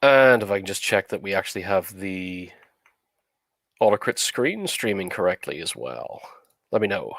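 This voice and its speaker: A middle-aged man with a cold hosts a livestream, chatting in a relaxed way with lots of fillers. His voice is deep with vocal fry, moves at a normal speed, and has no room sound.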